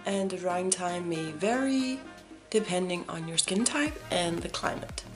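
A woman's voice: on the low side, animated, unhurried, over music. A young woman talking through a face mask around her mouth, chatting to viewers in a casual product demo. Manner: chatty, giggly, addresses viewers as guys. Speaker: beauty vlogger.

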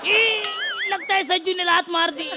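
A man playing a loud, pushy pregnant woman in labour in a stage comedy sketch, shouting for the doctor and bossing him around. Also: a little slow. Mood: frantic. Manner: shrill, bossy, shouting for the doctor. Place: TV comedy stage with live audience. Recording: live stage, loud crowd and noise.

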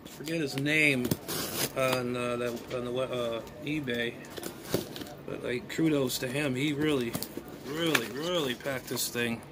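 A middle-aged man, an amateur radio hobbyist and vlogger, rambles and mutters to himself while handling items in a casual unboxing vlog, thinking aloud. His medium-pitched voice is fairly even in intonation and unhurried. Recorded indoors in a small bedroom on a phone propped at arm's length, the noisy casual audio carries clear background noise and room ambience.

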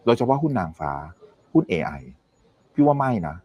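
A man's voice: mid-range voice, sing-song, normal speed, dull audio. A man giving a casual, emphatic talk as an economic commentator. He makes firm predictions and keeps checking whether the listener follows him.

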